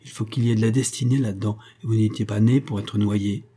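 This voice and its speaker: A man's voice: lowish voice, steady tone, fast talker, mellow, slightly rough. A man reading a storybook aloud, voicing a cunning, spiteful old grandmother who coaxes and wheedles. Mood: wheedling. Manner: wheedling, calls everyone dear.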